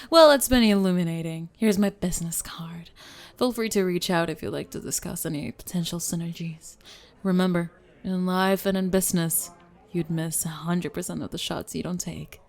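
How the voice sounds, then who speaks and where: A driven, formal businesswoman, acted by a woman in an ASMR speed-dating role-play. Her voice sits a little low for a woman. She is brisk and to the point, quizzing her date like a job candidate. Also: creaky, darkish tone. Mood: probing, assured.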